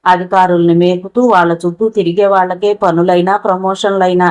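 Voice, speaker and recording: A woman's voice: fairly low pitch, flat delivery, fairly quick, a little mellow, close to an everyday voice. Lady reading as a schoolteacher guy, middle-aged, wry, matter-of-fact, audiobook novel. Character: middle-aged male schoolteacher, wry about office politics.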